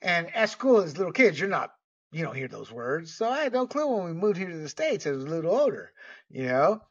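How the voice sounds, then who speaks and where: A man's voice: on the high side, big pitch swings, fairly quick, husky. A man from Panama hosting a casual monologue, blunt and ranting, with frequent filler words and the odd swear. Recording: dull lo-fi audio, distant from mic.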